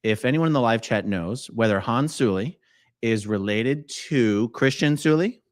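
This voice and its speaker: A man's voice: mid-range voice, animated, moderate pace, no echo, clean studio sound. A man hosting a live-streamed interview, asking probing questions in a conversational way. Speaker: interview host.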